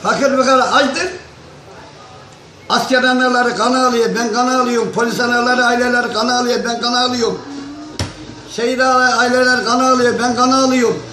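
A man's voice: very high-pitched, fairly even intonation, normal speed, sharp tone. An older man delivering an angry, insult-laden political rant, repeating lists in a chanting way. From Turkey. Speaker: local villager commenting on politics. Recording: echoey, crowd audible behind.

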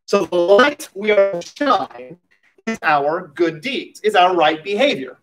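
A man's voice: high-pitched, big pitch swings, unhurried, music in the background. A man preaching a sermon at a pulpit microphone as pastor, talking in a conversational way with light humorous asides.

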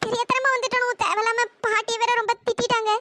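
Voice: extremely high pitch, little pitch movement, fast, sharp tone, a little hiss or hum. A performer voicing a polite, apologetic young woman in a cartoon, pleading to be heard. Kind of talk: pitched-up cartoon voice acting.

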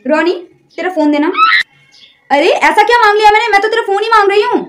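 High-pitched young woman nagging a boyfriend. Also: fast, background noise. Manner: nagging, suspicious, switching between scolding and pleading. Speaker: comedy sketch creator. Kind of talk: one-sided comedy sketch monologue. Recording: loud background music.

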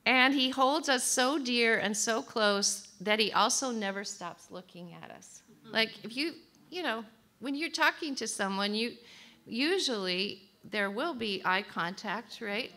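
A woman teaching a sermon at a conference, checking in with her listeners and reading song words softly. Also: a little high, expressive. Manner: slow, warm teaching with audience prompts; reads song lyrics softly. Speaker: speaker at a women's conference.

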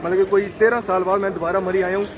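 On a crowded hill-town street, a man with a high-sitting voice chats his way through a casual walking-tour vlog, showing off shops and things to eat. His pace is quick and his intonation fairly even. Crowd noise from passers-by surrounds him.

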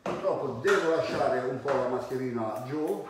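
A man, a hairdresser giving a casual, halting live demonstration in his salon. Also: mid-range voice, lively intonation. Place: indoor hair salon. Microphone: phone held a short distance away. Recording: very echoey salon, faint background noise.

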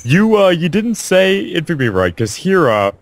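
A man's voice: high voice, sing-song, normal speed, dry recording. A man co-hosting a podcast in casual chat, joking along with frequent fillers. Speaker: podcast co-host.

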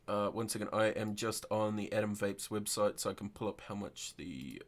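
A man's voice: on the low side, normal speed. A young man hosting a casual, informal livestream chat. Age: young adult. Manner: informal, sweary. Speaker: host. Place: indoor room, livestream video call.

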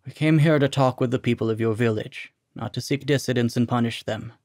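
A man voicing a composed government clerk who speaks in an even, careful tone. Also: medium pitch, dry recording, studio quality, close to an everyday voice. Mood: measured. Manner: even, measured tone.

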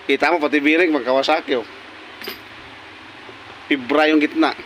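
A man's voice: a little high, steady tone, normal speed, fairly bright tone, slight background noise, poor audio. A repair technician talking casually through fixing a pressure washer pump at his workbench, pointing out parts in short remarks. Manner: talks while working, many short pointing remarks. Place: workshop bench.

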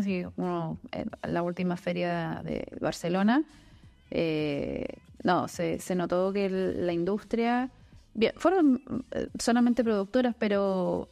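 A woman's voice: mid-range voice, vocal fry, warm tone. A woman in her forties hosting an office studio interview, chatty and encouraging with her guest. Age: 40s. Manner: chatty, encouraging, laughs easily. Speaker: podcast host. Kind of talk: casual interview chat. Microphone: desk boom mic.

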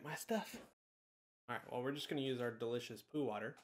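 A man filming a casual home vlog, excitable and bursting into loud disbelief. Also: medium pitch, brisk, slight background noise. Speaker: video creator.

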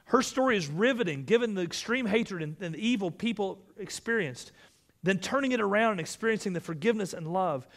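A male pastor giving an earnest, measured sermon in church, with occasional restarts. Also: sits high, animated, fairly bright tone.

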